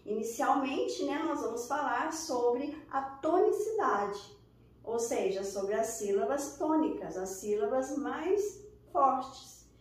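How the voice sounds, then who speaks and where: Lady teacher going slow through a lesson, points at stuff, sounds far off in a big echoey room. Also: sits high, expressive. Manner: slow explanatory, pointing at examples. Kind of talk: recorded lesson.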